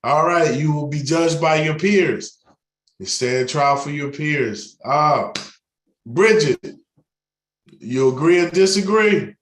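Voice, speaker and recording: A man's voice: a little high, fairly bright tone, roomy sound. A man leading a graduation ceremony on a video call and calling on people by name. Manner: brisk, calls on people by name. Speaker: program facilitator.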